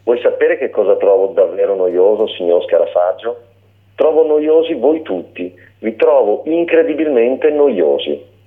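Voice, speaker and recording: A man's voice: lowish voice, very animated, measured pace, voice pushed up. A man voicing a rude, mocking male dog who taunts everyone, heard over a narrow phone-like line. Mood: sneering. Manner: sneering and taunting.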